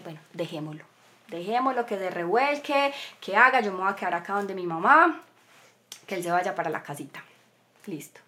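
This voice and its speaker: A young woman telling a personal story as a podcast guest, earnest, moving between animated and hushed. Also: medium pitch.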